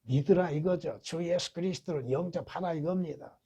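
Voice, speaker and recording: A man's voice: fairly high pitch, moderate pace, warm tone, husky. A man preaching at a church Bible study as pastor, putting rhetorical questions to the congregation and answering them, with emphatic repetition.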